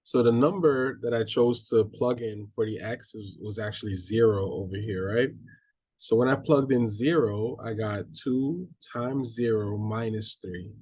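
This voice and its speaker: Casual math teacher with a husky, mellow voice. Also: male voice, lowish voice, unhurried. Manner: casual, checks in with students, restarts while reading. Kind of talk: online class lecture.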